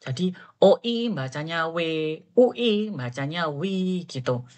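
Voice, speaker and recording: A woman's voice: on the low side, lively intonation, unhurried, darkish tone. A woman teaching Korean pronunciation, firmly correcting her students as she drills them. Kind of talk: online Korean lesson in Indonesian.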